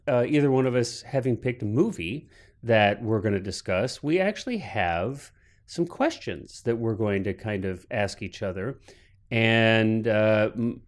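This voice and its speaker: Casting: man in his late forties, podcast co-host, animated and rambling, average pitch. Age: 40s. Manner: animated, rambling with many restarts. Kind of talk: casual chat.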